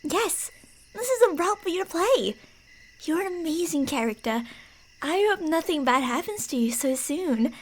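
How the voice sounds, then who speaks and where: A very high-pitched, expressive woman's voice at normal speed carries this ASMR horror roleplay. She becomes a creepy, delusional female yandere stalker, recounting her prey's movements with playful menace and occasional whispers.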